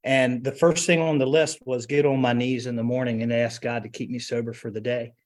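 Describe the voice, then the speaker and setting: Male panel speaker, medium pitch, informal personal testimony, hesitant and conversational. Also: flat delivery, a little fast. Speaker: panel speaker at a recovery meeting.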